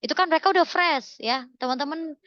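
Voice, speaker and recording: A woman's voice: high voice, quick pace, a bit bright, no echo, highs cut off. A woman speaking in a webinar, answering audience questions with encouraging tips and repeating key words for emphasis. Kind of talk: coaching talk answering questions.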